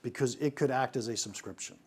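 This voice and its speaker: A man, a pricing consultant, giving an animated presentation on pricing, asking rhetorical questions and often restarting his sentences. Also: mid-range voice, brisk, slightly rough.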